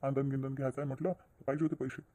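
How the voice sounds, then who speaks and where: A voice actor plays an insistent young cartoon man who keeps pressing for cash. He talks in a very fast rush, in a dark, mellow tone. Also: medium pitch, flat delivery, lightly acted. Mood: pushy. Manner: insistent, pleading. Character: pushy young man begging for money. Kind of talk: cartoon voice acting.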